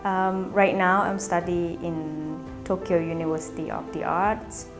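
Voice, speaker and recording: A woman from Thailand, an art student who talks in an unhurried way with many fillers. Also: on the low side, flat delivery, over music. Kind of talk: documentary interview.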